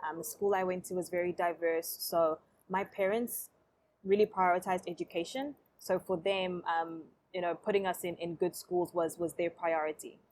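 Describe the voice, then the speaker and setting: A young woman answers questions on a podcast. Her voice sits a little low, and she speaks in a relaxed, reflective way, with easy fillers as she thinks. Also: normal speed. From South Africa. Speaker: podcast guest. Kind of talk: casual interview conversation.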